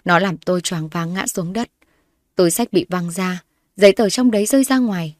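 A woman narrating a dramatic first-person story in a steady voice, recorded dry. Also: lowish voice, moderate pace, no echo.

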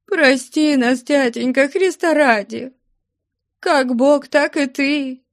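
A woman voicing a tearful young daughter who wails and pleads in a high voice. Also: takes it slowly. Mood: tearful pleading. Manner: wailing, pleading, high-pitched. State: crying.

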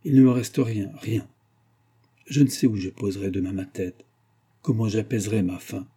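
A man voicing a ruined, desperate old gambler who pleads and then confesses gravely, in an audiobook reading. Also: fairly low pitch, steady tone, normal speed, warm tone. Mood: pleading.

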